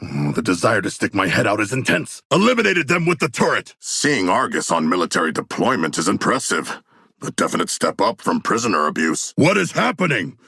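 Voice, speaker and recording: A man's voice: lowish voice, wildly swooping pitch, a little fast, creaky, bright, forceful tone, breathy edge, no room sound, studio quality, full character voice. A man playing a huge humanoid shark warrior in a video game, earnest and literal-minded, with formal, stilted, grandiose diction and a battle-hungry pride. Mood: earnest, eager, then battle fervor. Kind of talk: video game character voice lines.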